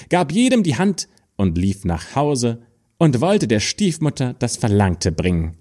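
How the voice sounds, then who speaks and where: A man reading an old fairy tale aloud in a storytelling style. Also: on the low side. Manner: slow, lively storytelling, raising his voice for quoted figures.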